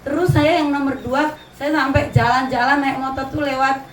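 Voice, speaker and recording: High-voiced Javanese woman preaching in an echoey hall. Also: steady tone, normal speed. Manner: anecdotal, chatty, mixes in Javanese words. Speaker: religious teacher. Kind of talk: religious study talk to mothers. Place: open pavilion hall. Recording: roomy echo, distant mic, ambient noise.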